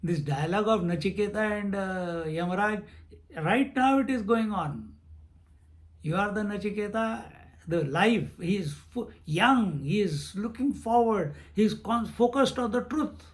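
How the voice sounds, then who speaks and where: A man's voice: high-pitched, lively intonation, measured pace. A man giving a spiritual discourse on scripture, repeating phrases and chanting verses. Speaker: swami teaching scripture.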